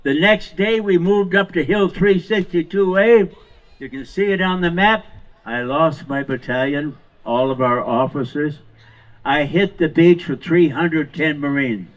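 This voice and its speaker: A hundred-year-old man, a veteran speaking to an audience, recounting war memories in short, halting, emphatic phrases with rhetorical questions. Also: a little high, fairly bright tone, poor audio. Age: 100 years old. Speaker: veteran Marine guest speaker. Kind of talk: live war reminiscence to an audience.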